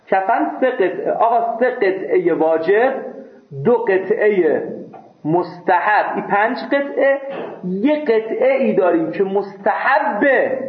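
In this classroom text lesson, a seminary teacher reads phrases aloud, translates them, and explains each one in plain terms, sometimes joking. His voice sits high and is expressive, and it's captured in an echoey room through what sounds like a phone line.

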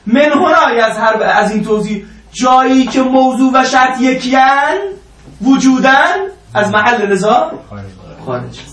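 High-voiced man teaching in an echoey room. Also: a little hiss or hum. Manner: lively lecturing, drawn-out emphatic Arabic phrases, joking asides. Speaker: seminary teacher. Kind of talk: informal religious law lesson. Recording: roomy echo, voice from a distance.

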